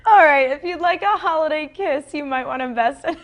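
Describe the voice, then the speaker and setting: High-pitched, giggly woman news anchor. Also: brisk. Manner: giggly, struggles to keep a straight face. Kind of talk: live news presenting with casual banter.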